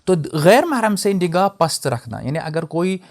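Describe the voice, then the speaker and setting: A young man delivers a religious lecture in a noticeably high voice. He explains each term with care and contrasts how words are pronounced. He slips into English phrases as he teaches. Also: very animated, a little mellow. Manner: explanatory, switches into English mid-sentence; spells out and contrasts word pronunciations. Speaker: Islamic teacher.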